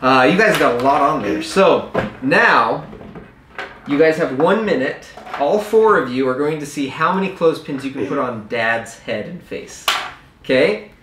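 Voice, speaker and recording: A man's voice: medium pitch, lively intonation, moderate pace. A man in his thirties, a father casually hosting a family challenge video and explaining it, recorded at home on a camera mic. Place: small dining room at home, indoors. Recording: echoey room, clear background noise.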